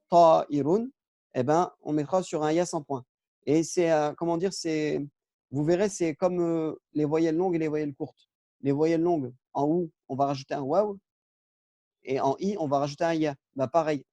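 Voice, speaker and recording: Patient man teaching with a dark, dry voice. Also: fairly high pitch, no room sound. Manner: patient, explains step by step, many fillers and self-corrections. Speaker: Arabic teacher. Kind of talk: casual lesson on Arabic spelling.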